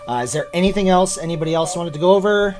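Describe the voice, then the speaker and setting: A man's voice: sits high, rapid-fire, over music. A man running a tabletop game as game master, narrating in a loose, rambling way with lots of fillers.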